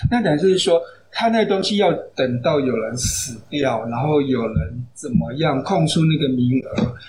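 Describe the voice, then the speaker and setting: A man's voice: mid-range voice, expressive, normal speed. A man with a Taiwanese Mandarin accent, an author guest on a podcast, chatty and anecdotal with many fillers. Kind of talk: casual podcast interview. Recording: noisy background.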